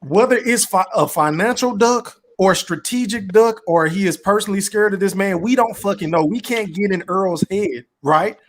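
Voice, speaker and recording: High pitched dude debating sports, slangy, teases and pushes the other guy with questions. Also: moderate pace, few pauses, a little hiss or hum. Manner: challenging, teasing, slangy. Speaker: debater questioning others on a boxing talk show. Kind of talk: heated casual sports debate.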